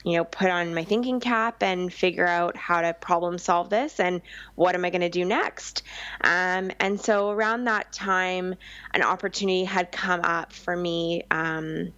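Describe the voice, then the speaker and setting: Young woman, low voice, chatty with ums, dull dry recording. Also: fairly even intonation, unhurried, a bit bright, no echo. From Vancouver Island, Canada. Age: young adult. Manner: chatty, frequent ums and restarts. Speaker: business owner guest. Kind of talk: conversational interview.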